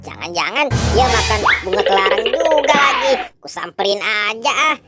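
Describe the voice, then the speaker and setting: A woman doing Boboiboy, a fussy, lively cartoon boy. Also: mid-range voice, moderate pace, lightly acted. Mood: worried. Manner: scolding, fussy, exclaiming. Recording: loud music underneath.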